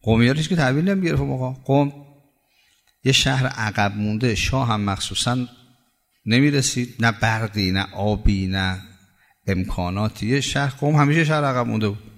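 A middle-aged man preaching a sermon, telling stories with emphasis and jumping suddenly higher on key words. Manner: emphatic storytelling with sudden high rises. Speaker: cleric preacher. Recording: long hall reverb.

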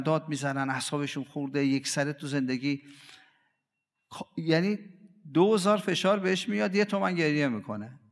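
Gravelly guy preaching a sermon, goes loud then real quiet, acts out people's cries, long echoey hall. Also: medium pitch. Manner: dramatic swings between loud and hushed; acts out quoted voices and everyday cries. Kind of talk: religious sermon.

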